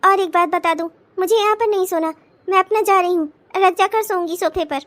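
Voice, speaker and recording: A woman's voice: extremely high pitch, a little fast, a bit bright. A woman voicing a headstrong young bride in a cartoon, speaking bluntly and defiantly. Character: headstrong young bride refusing her new marriage. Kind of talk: cartoon voice acting.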